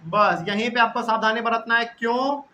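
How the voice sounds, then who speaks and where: A young man teaching chemistry to a class, repeating key terms slowly and often checking in with his students. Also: extremely high pitch, pushed and bright, slight background noise. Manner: repetitive, drawn-out, checks in with students. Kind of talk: classroom lecture. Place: classroom with live and online students.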